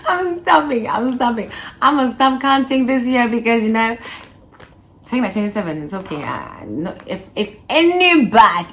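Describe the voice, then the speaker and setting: A woman in her twenties chatting casually to her viewers in a vlog, playful and talkative, breaking into little laughs and snippets of song. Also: medium pitch. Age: 20s. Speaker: vlogger. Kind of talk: casual chat to camera.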